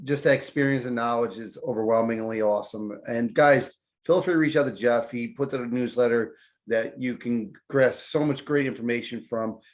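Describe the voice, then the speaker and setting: A man's voice: medium pitch, normal speed. A man co-hosting an interview podcast, wrapping up in an upbeat, appreciative way. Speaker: podcast co-host. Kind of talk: casual interview chat.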